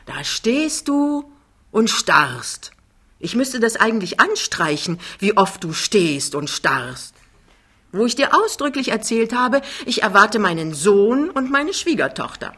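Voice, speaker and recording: A woman voicing a vain, indignant older mother who scolds loudly in an audiobook. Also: big pitch swings, slow, slightly rough, exaggerated voice. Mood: scolding. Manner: shrill, scolding, raised voice.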